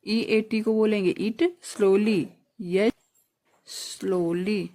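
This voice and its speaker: A woman teaches at a very slow, deliberate pace and spells each word out letter by letter. She repeats short phrases several times and poses questions that she answers herself. Her voice sits at a middle pitch for a woman. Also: fairly even intonation, warm tone. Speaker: English teacher. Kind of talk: slow spelling-out English lesson.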